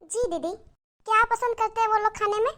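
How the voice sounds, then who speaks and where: A woman voicing a modest young village daughter-in-law in a cartoon moral story, polite and gentle. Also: extremely high pitch, fairly quick. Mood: gently teasing.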